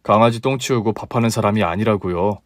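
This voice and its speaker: A man playing a calm, firm young husband. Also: on the low side, fast talker, no room sound, clean studio sound, pitched below the performer's own voice, natural voice.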